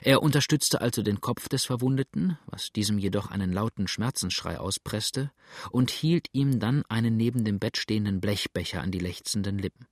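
A man narrating an audiobook in a steady, measured reading style. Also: fairly low pitch, no room sound, clean studio sound.

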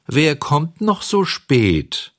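A man reading a storybook and voicing a calm female snail doorkeeper who speaks slowly, with drawn-out, unhurried words. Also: medium pitch, voice pushed up. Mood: placid, unhurried.

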